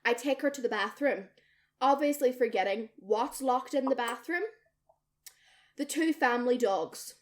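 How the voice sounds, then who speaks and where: A woman's voice: high voice, measured pace. A young woman co-hosting a podcast, telling a story in casual chat, swearing freely and acting out what people said. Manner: lively, swears freely, acts out quoted people. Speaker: podcast co-host.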